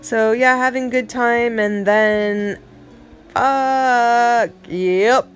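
A woman's voice: on the high side, steady tone, drawn-out words. A middle-aged woman giving a casual, rambling voice-over of her art process, chatty and self-admittedly dramatic. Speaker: art vlogger.

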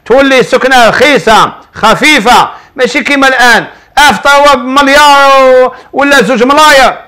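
A middle-aged sheikh with an Algerian Arabic accent hosts a religious advice show, preaching and answering viewer questions. His high-pitched voice is bright and forceful, and his storytelling is emphatic, repetitive and colloquial.

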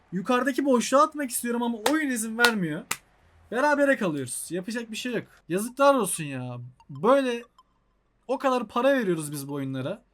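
A man's voice: high-pitched, fairly bright tone. A young man with a Turkish accent giving let's-play commentary on a football video game, breaking into frustrated outbursts at the game. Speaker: gaming YouTuber.

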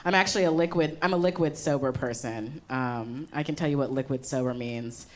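Speaking fairly quickly in a rumbling low voice, a young woman does a stand-up set on a comedy stage. She uses a handheld microphone, drops frequent ums into her conversational punchlines, and the live audience laughs loudly.

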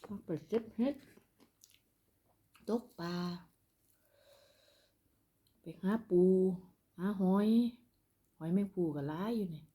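A woman from northeastern Thailand, speaking with an Isan accent, chats casually with her followers while eating in a mukbang-style vlog. Her mid-range voice has a dark tone, and she talks slowly, with long pauses.

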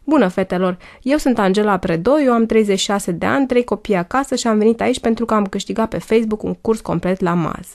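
A woman narrator gives a seasoned mother of three with a calm, unhurried voice. Her words come out blunt and sure of themselves. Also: medium pitch, close to an everyday voice. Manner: calm, grumbling.

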